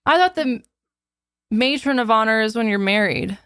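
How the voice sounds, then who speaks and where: A woman's voice: on the high side, lively intonation, normal speed, a bit bright, smooth, no echo. A woman in her twenties co-hosting a podcast, chatting casually and filling her talk with "like". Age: 20s. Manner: chatty, fills with "like" often. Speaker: podcast co-host.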